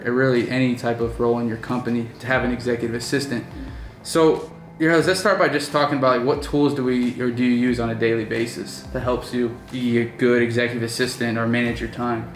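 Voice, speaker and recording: The vlog host, a business owner in his twenties, talks casually and loosely indoors at night, stumbling through fillers and restarts. His voice is mid-range and the recording has a roomy sound.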